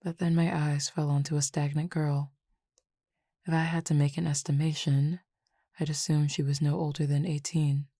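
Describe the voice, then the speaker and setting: Here a woman voices a languid, desire-feeding cupid for an audio roleplay, murmuring to the listener in a low, husky, gravelly tone. She keeps things formal and measured with little pitch movement and a subtle tease. The sound is close-miked and dry, with no echo or room sound.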